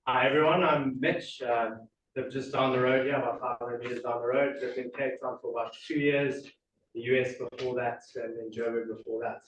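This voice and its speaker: A man, a guest, introducing himself in a relaxed, brief way. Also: mid-range voice, fairly quick, a little hiss or hum. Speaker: club guest. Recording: very echoey room from far off.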